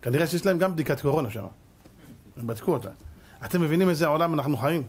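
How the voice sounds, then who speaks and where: A man, a rabbi, preaching a sermon with fervor and firing off rhetorical questions, swinging between hushed and loud delivery. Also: fairly high pitch, animated, breathy edge. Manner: addresses the audience as "gentlemen".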